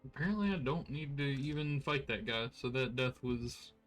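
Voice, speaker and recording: Soft music plays behind a man with a medium-pitched, fairly bright voice who talks at normal speed. He's streaming an online RPG, yawning and weary, giving relaxed, meandering commentary heavy on "like."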